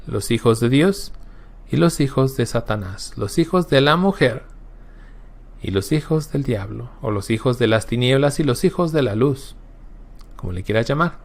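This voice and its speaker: In a gravelly, creaky voice at ordinary middle pitch, a man gives an expressive Bible class lecture. He teaches with emphasis, repeats key words for stress and often checks in with listeners through a quick question.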